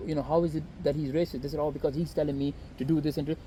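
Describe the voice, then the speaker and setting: Speaking in a casual outdoor interview on a city street, a young man from Pakistan who grew up in Saudi Arabia tells his story as the guest. His voice is fairly high and mellow, his delivery flat and rapid-fire, and he rambles earnestly with many fillers and restarts. There's slight background noise.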